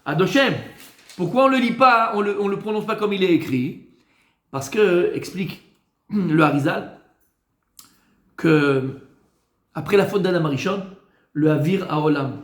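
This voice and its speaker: A man leads a class as a rabbi, asking the room questions and answering them himself. His voice sits fairly high. The sound rings in an echoey room. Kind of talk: lively classroom teaching.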